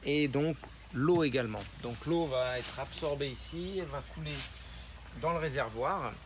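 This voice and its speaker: Background noise surrounds this interview, in which a man who farms spirulina patiently describes his process step by step. His pitch is fairly high and his pace moderate.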